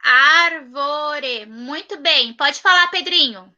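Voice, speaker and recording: Brazilian woman teacher, high and bright, patient and encouraging with small kids on a video call. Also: dull audio. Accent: Brazilian Portuguese. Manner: patient, repeats each answer slowly and praises. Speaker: primary school teacher. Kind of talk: online class with young children. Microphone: computer mic on a video call.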